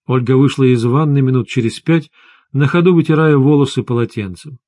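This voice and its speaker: A man narrating a first-person audiobook with calm, even storytelling. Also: medium pitch, fairly quick, dry recording, clean studio sound.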